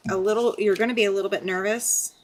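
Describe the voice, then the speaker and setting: A woman hosts a relaxed late-night livestream, chatting casually at a fast clip in a medium-pitched voice. She greets viewers by name and laughs often.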